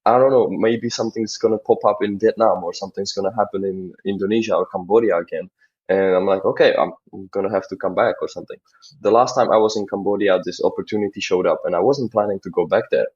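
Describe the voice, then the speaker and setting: A man's voice: fairly low pitch, quick pace, a little mellow, breathy edge, highs cut off. A man in his twenties from the Czech Republic, a podcast guest talking in a casual, earnest, rambling way with restarts. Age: 20s. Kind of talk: casual interview talk.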